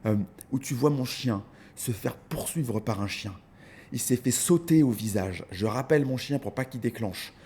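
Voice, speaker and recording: A man speaking casually in an interview, an animated storyteller who acts out scenes and often repeats words as he starts a thought. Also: mid-range voice, breathy edge. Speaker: dog content creator, guest.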